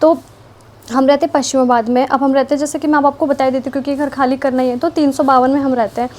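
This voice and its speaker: A woman's voice: high-pitched, fast. A young woman, animatedly retelling a frightening personal story for her vlog. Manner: animated, breathless retelling with many repetitions. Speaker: vlogger.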